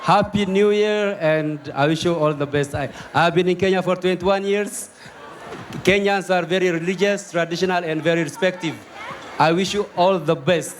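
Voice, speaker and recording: A man's voice: sits high, fairly even intonation, normal speed, a little hiss or hum. Earnest man from Eritrea. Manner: earnest, repeating well-wishes. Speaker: audience member.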